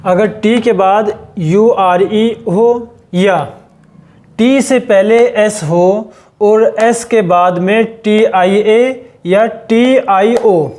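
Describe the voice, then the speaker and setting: A man gives a classroom lesson. He spells words out letter by letter and says each one again and again, slowly and patiently. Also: high-pitched, a little mellow. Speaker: English teacher.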